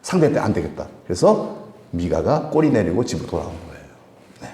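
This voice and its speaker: Man, pastor, sermon, lively pitch, acts out quotes, echoey church room. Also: brisk. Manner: animated, acts out quoted people, chuckles often. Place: church sanctuary.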